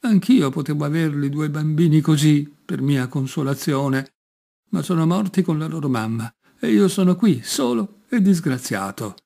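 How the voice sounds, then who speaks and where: A man's voice: fairly high pitch, lively intonation, moderate pace, vocal fry, mellow. A man voicing a grieving young king, anxious and pleading, his voice rising.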